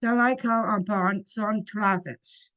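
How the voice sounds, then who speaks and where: A woman from Ontario leads a council webinar over a video call. She speaks slowly and carefully in a mid-pitched voice, reading from prepared notes. Now and then she stumbles and restarts a word. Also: steady tone, fairly bright tone, poor audio. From Ontario, Canada. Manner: slow and careful, with small restarts. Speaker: webinar host, council member.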